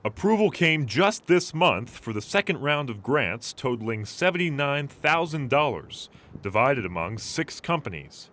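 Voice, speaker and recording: A man's voice: mid-range voice, very animated, a little slow, a bit bright, a little hiss or hum. A man delivering scripted broadcast news as an anchor and field reporter.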